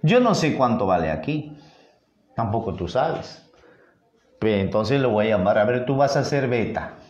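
Playful Peruvian geometry teacher, lively voice. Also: male voice, mid-range voice, a little slow, muffled recording. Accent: Peruvian Spanish. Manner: playful, coaxing, calls students "chiquilín". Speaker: math teacher. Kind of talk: exam-prep geometry lesson at a whiteboard. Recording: roomy echoey room sound.

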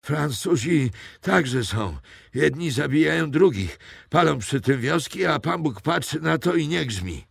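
A man's voice: fairly high pitch, expressive, unhurried, gravelly, breathy edge, no room sound, clean studio sound, pitched above the performer's own voice, heavily acted. A man reading an audiobook, voicing a rambling old male French poacher with a raised, strained old voice and a grumbling, folksy way of talking. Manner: grumbling, rambling folk philosophy. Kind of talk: audiobook character voice.

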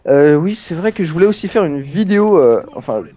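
A man's voice: a little high, lively intonation, fairly quick, warm tone. A young man hosting a casual let's play, chatting playfully with many fillers. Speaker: gaming channel host.

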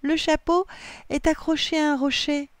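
A woman's voice: high-pitched, big pitch swings, moderate pace, darkish tone, dry recording, voice pushed up. A woman doing a thoughtful young girl. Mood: confident. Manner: confident, thoughtful.

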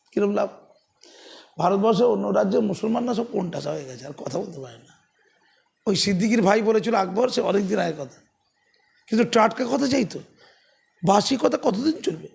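A man's voice: high-pitched, creaky, breathy edge. A man giving heated political talk, sarcastic and full of rhetorical questions. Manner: sarcastic, rhetorical questions, grows loud and forceful. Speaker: political commentator.

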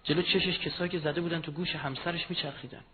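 A man giving a mourning sermon, telling a personal story, moving from low murmured storytelling to loud impassioned rising cries. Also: fairly even intonation. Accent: Persian of Iran. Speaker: religious speaker. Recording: tinny phone-like recording with faint noise.

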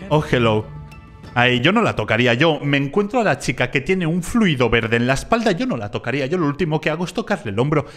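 High-voiced, mocking man. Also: sing-song, quick pace, a bit bright, faint music behind. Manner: jokey, mocking, pitch jumps up for exclamations. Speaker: youtuber reacting to a video. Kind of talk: sarcastic reaction commentary.

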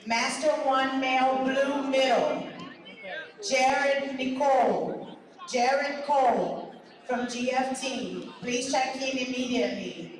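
A high-voiced woman makes slow, deliberate announcements over a PA system. She is heard from far across a large indoor hall, with a long, echoing reverb. A loud crowd murmurs behind her. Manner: slow, deliberate, reading out names. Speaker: tournament announcer. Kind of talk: public address calls. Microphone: PA microphone, heard from far off.

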